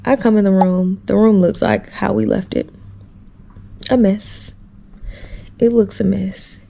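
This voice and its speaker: A woman's voice: medium pitch, fairly even intonation, unhurried, creaky, dark tone, slight background noise. A woman vlogger telling a story casually and with animation, exasperated and slangy, talking straight to her viewers.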